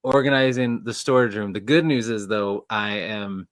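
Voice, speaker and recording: A man's voice: on the low side, normal speed, no room sound, clean studio sound. A man in his forties hosting a casual live chat, talking in a rambling, friendly way and laughing often, recorded in a storage room. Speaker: host. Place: storage room next to a furnace.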